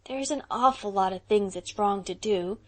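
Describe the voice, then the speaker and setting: A woman's voice: medium pitch, normal speed, close to an everyday voice. A woman reading aloud and voicing a mischievous, curious six-year-old boy who pleads and sobs in a childish way. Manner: childish, plaintive, sobbing pleas.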